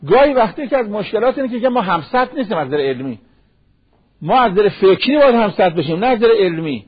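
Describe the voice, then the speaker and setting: Husky high-voiced preacher on lo-fi radio. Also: male voice, sing-song. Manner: quotes Arabic verses and hadith in a slow recitation; rhetorical questions, acts out imagined speakers. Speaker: cleric. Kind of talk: sermon on marriage. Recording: dull lo-fi radio broadcast.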